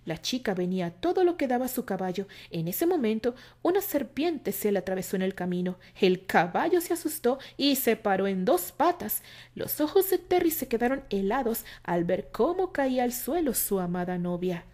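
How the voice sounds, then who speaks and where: A woman's voice: a little high, sing-song, moderate pace. A woman reading a romance fan fiction aloud as a storyteller. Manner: narrates steadily, then acts out the characters' shouting. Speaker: narrator.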